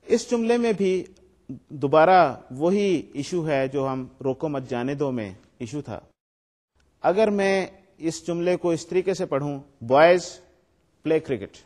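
A man's voice: a little high, a little mellow. A man giving a recorded lecture. He explains step by step, mixes in English technical terms and reads his examples aloud with stress.

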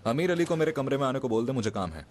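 A man's voice: mid-range voice, very animated, very fast, slight background noise, close to an everyday voice. An actor dubbing a wealthy young businessman in a drama. He teases playfully but turns curt when he gives orders. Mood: instructing. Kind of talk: dubbed drama acting.

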